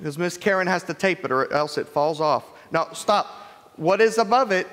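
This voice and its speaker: In a church sanctuary, a man gives a playful children's sermon, asking the kids lots of questions. His high-pitched, fairly bright voice moves at a moderate pace with lively intonation, and the hall's reverb makes it echoey.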